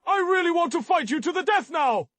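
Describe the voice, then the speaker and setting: A man voicing an excitable, envious Taoist sect elder in an overacted anime dub, with a husky voice and a theatrical, pleading and grumbling manner. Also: medium pitch, unhurried, full character voice. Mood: exasperated, envious.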